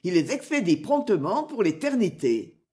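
A woman's voice: mid-range voice, big pitch swings, moderate pace, dark tone, natural voice. A woman reading aloud voices a fierce, mocking male outlaw who boasts and threatens. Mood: menacing.

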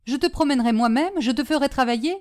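A woman voicing a domineering, scornful older aunt who scolds and commands in sharp, mocking tones. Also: high voice, quick pace, pitched above the performer's own voice, lightly acted. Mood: stern.

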